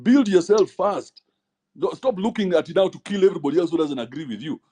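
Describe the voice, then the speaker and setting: A man's voice: high voice, expressive, brisk, dark tone, breathy edge. A man with a Kenyan accent hosting a casual discussion, cutting in insistently and switching between languages.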